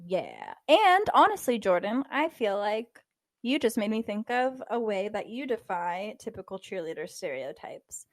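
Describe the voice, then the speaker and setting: A young woman co-hosts a casual podcast, talking in an animated way full of "like" and fillers. Her pitch sits in the middle of the range. The recording is dry and close. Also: normal speed, no echo. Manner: animated, filler-heavy, lots of "like". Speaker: podcast co-host.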